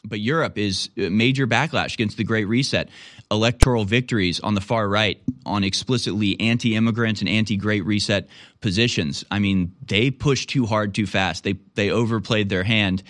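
A man's voice: lowish voice, fairly bright tone, no room sound, clean studio sound. An American man hosting a live call-in talk radio show.

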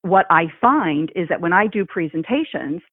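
A woman co-hosting a podcast, chatting casually and telling animated stories with frequent laughs. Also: lowish voice, moderate pace, slightly rough, no room sound. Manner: animated storyteller who laughs often. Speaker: podcast co-host. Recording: thin phone-like sound, dry.

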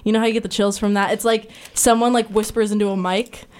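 A young adult woman hosting a casual podcast chat, talking fast and loose with lots of "like" fillers. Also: mid-range voice, little pitch movement, darkish tone, clean tone. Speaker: podcast host.

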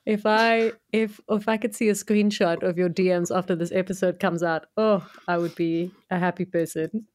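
A woman's voice: fairly low pitch, steady tone, normal speed, a little mellow. A woman hosting a podcast interview, bubbly and laughing often as she chats. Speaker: podcast host. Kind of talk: casual interview chat.

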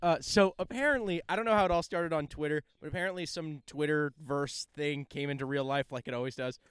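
A man's voice: fairly high pitch, a little fast, a bit bright, smooth, no room sound. A man co-hosting a casual sports podcast, easygoing and saying "dude" a lot. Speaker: podcast co-host.

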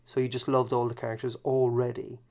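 Male co-host, mid pitch with gravel, relaxed conversational delivery. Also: a little fast. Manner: easygoing, chuckling, self-correcting. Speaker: podcast co-host. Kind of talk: casual chat about TV.

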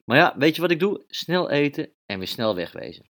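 A man's voice: a little high, sing-song, a little fast, a bit bright, voice pushed up. A man voicing a young male superhero mouse who grumbles about chores and hesitates as he explains himself. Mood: grumbling.

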